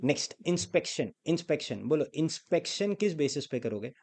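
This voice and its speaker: Guy teaching accounts class, kinda high voice, keeps firing questions at students. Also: very animated, fairly quick, gravelly, a little mellow. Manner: quizzing students, prompting answers; mixes English terms into Hindi. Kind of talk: classroom lecture with call-and-response.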